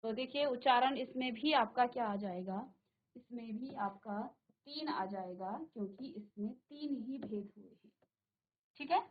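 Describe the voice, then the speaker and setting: A woman's voice: fairly high pitch, unhurried, phone-quality sound. A woman teacher giving a virtual classroom Hindi lesson, patiently repeating questions and speaking to her students directly. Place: studio classroom.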